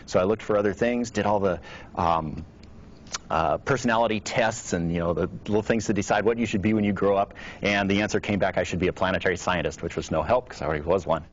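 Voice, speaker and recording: Low-voiced man with dry wit. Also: fast, slight background noise. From Oregon, USA. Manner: dry, wry humor. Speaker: astronaut. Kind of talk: documentary interview. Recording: dull lo-fi recording.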